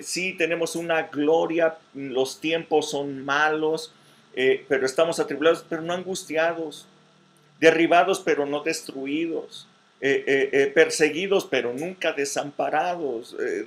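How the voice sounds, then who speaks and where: A man's voice: fairly high pitch, normal speed. A man pastor leading a virtual Bible study sermon, with many hesitations and repeated words, who checks in with his listeners. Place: virtual meeting.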